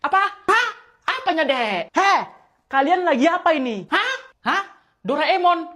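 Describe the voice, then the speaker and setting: High-voiced animated woman doing skits. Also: unhurried. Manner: animated, shouting, repeated puzzled "hah?". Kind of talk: comedy skit, playing several characters.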